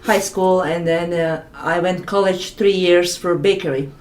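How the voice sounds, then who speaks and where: A woman's voice: fairly low pitch, steady tone, a little slow, a little mellow. A middle-aged woman from Bosnia with a Bosnian accent, answering conversationally as an interview guest. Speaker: podcast guest, nursing assistant.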